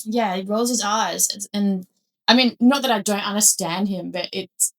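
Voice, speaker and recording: A young woman hosting a casual chat, relaxed and trailing off with fillers. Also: mid-range voice, moderate pace, distant mic, poor audio. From Australia. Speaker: host.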